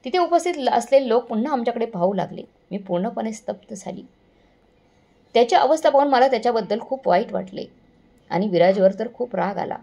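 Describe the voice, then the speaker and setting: A woman's voice: a little high, expressive, a little fast, creaky, warm tone. A woman narrating a first-person moral story in an earnest, somber way, sometimes correcting herself.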